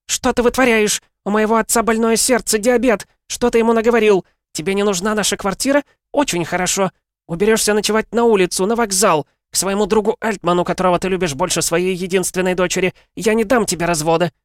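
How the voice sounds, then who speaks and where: A man voicing a furious middle-aged wife in an audiobook, high-pitched and shouting. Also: fairly even intonation, quick pace, no echo, studio quality, natural voice. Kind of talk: audiobook narration.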